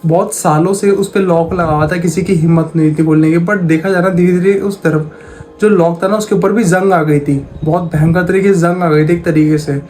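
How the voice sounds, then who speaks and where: A man's voice: fairly high pitch, steady tone, normal speed, darkish tone, soft background music. A man telling a spooky story in a casual, conversational way, repeating phrases as he goes. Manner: retells dialogue in plain conversational voice, repeats phrases. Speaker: horror storyteller.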